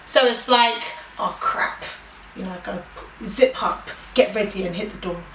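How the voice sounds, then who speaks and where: A young woman telling a story in casual chat, animated, acting out the lines she quotes. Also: medium pitch, brisk, slight background noise. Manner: animated, acts out quoted lines, laughs often. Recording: echoey room, mic at a distance.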